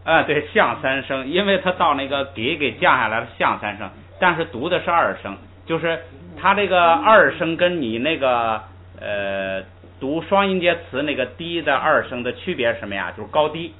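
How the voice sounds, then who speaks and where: A man's voice: fairly high pitch, expressive, moderate pace. A man teaching a language class, patiently explaining step by step and drilling pronunciation aloud. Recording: tinny lo-fi recording with faint hiss.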